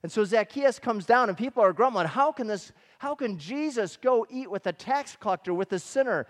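A middle-aged man from Michigan delivers a conversational sermon, sliding easily into personal stories and animated asides. His voice sits high for a man. The sound carries a long reverb, as in a large church hall. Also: fairly quick. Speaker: pastor.

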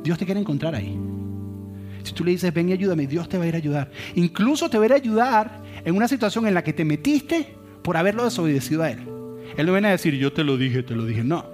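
A man in his thirties preaching a sermon, telling stories with lively swings from loud, excited passages to quiet, hushed ones. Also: sits high, quick pace. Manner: animated storytelling, swings between loud and hushed. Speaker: pastor. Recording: guitar music playing underneath.

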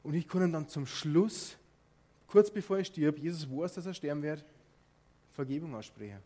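A Bavarian-accented man preaches in a fairly high voice for a man. He talks straight to his listeners, firing off rhetorical questions. He acts out his points with a helper as he goes. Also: moderate pace. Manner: lively, addresses listeners directly with rhetorical questions. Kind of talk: sermon with a live demonstration.

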